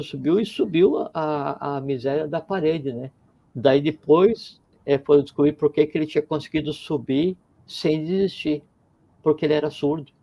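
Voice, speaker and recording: A man's voice: on the high side, dark tone. A man talking reflectively in a conversation, circling his points with repeated phrases and little parables. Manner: digressive, repeats phrases, tells parables with acted quotes.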